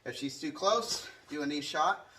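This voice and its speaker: A man's voice: fairly high pitch, moderate pace, sharp tone, a little hiss or hum. A man working as a martial arts instructor, explaining a hands-on demonstration casually and punctuating it with short counts and strike sounds. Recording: distant microphone.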